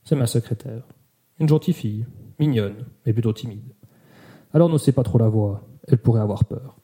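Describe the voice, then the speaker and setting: A man reading the part of a hurried boss giving friendly advice in an audiobook, brisk and chatty. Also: medium pitch, dark tone, close to an everyday voice.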